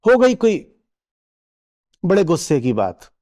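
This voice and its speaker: Lively-voiced man giving a spiritual discourse. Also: high-pitched, slow pace. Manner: rhetorical questions, checks listeners follow; acts out little quoted voices. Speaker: spiritual teacher. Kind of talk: spiritual discourse to a live audience.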